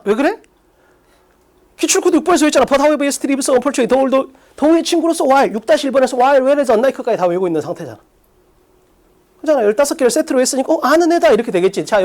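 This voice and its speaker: A man teaching an exam-prep English class, prodding his students with quick rhetorical questions. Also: extremely high pitch, animated, a little mellow. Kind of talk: lecture.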